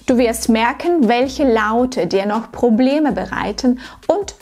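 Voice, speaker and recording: A woman coaching German pronunciation in a scripted tutorial to camera, slow and clearly articulated, like a teacher. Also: a little high.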